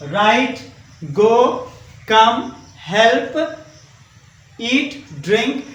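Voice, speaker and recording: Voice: mid-range voice, a bit bright, roomy sound, poor audio. An online teacher with an Indian English accent, giving a patient, repetitive grammar lesson for young children. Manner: repetitive, patient, explaining with questions.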